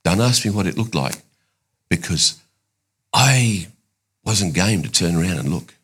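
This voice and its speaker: An older man preaching a sermon, excitable, climbing to high emphatic bursts and then dropping low and intimate. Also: a little slow, husky.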